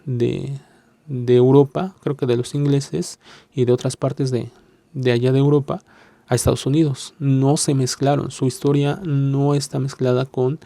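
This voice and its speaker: Here the Mexican host of a casual reaction video has a mid-range, creaky, mellow voice in a dry recording, speaking with a Mexican accent. Hesitant and self-deprecating, he fills his speech with filler sounds and restarts and hedges his opinions, playing them down.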